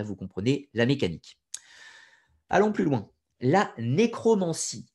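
His voice is mid-range, a bit mellow and breathy as this man lectures without a script on occult history. Frequent fillers and restarts punctuate his step-by-step explanations, and he speaks directly to listeners with opinionated side remarks.

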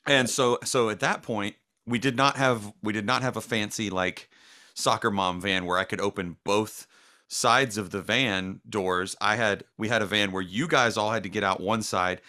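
A man with a lowish, bright, forceful voice recounts an old story in a relaxed podcast chat. He tells it in a measured, dry way and jokes about himself. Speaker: podcast co-host.

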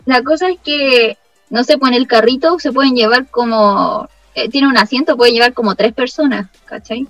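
A young woman with a Chilean accent, her voice pitched a little high, recounts her time as a missionary in casual conversation. She tells it in a lively way and keeps dropping in the filler 'como'. Faint music runs quietly in the background. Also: normal speed, highs cut off. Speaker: former missionary. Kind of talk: casual chat, telling a story.

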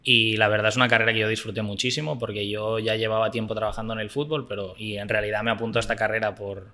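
A young man from Barcelona with a Spanish accent, speaking in a lowish, bright, forceful voice. He talks as a podcast guest in a relaxed way, often pausing to restart a thought. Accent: Spanish from Spain. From Barcelona, Spain. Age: 20s. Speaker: podcast guest, football coach. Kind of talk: casual interview chat.

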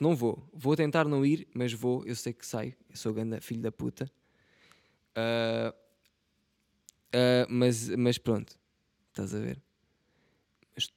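A man's voice: medium pitch, gravelly, a little mellow, no room sound, clean studio sound. A young man with a European Portuguese accent, rambling through a casual solo podcast in a self-mocking, slangy and profane way. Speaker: podcast host.

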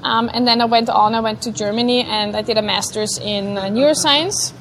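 A woman in her late thirties talks as an interview guest, her voice sitting a little higher than most. She speaks thoughtfully and haltingly, with frequent pauses, and a faint hum of room noise sits underneath. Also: steady tone, fairly bright tone. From Vienna, Austria. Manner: hesitant, thoughtful, many pauses. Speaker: guest, neuroscientist. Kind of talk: casual interview chat.

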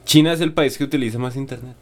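A man's voice: medium pitch, fast. A man hosting a casual podcast and joking around with friends. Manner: joking, playful banter. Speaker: podcast host. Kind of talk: casual chat.

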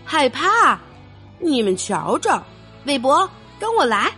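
A woman's voice: high voice, sing-song, takes it slowly, bright, forceful tone, slightly rough, faint music behind, full character voice. A woman voicing a mischievous patchwork she-elephant with a sly, playful way of talking, in a storybook reading. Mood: boastful.

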